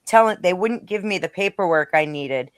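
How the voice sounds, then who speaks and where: A woman's voice: fairly low pitch, animated, normal speed, clear, resonant tone, no echo. Blunt woman talking casually, dry sound. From Rhode Island, now Western New York. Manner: blunt, heavy swearing. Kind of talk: casual live discussion.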